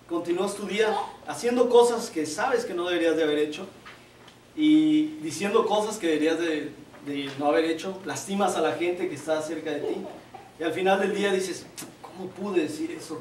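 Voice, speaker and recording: A man's voice: sits high, slight background noise. A man preaching a sermon in a conversational, joking way, often asking his listeners "¿verdad?". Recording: echoey, distant room mic, faint ambience.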